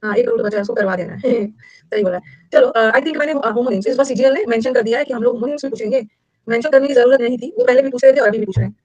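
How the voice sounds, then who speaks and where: A woman's voice: on the high side, darkish tone, dry recording, muffled recording. An Indian woman teaching English vocabulary in a chatty live online class, mixing Hindi and English as she explains words. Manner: fast, chatty, switches between Hindi and English. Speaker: English teacher for competitive exams.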